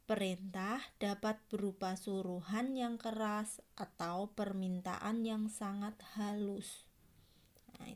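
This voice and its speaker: A woman teacher, patiently explaining a grammar lesson to young pupils and asking them questions. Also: mid-range voice.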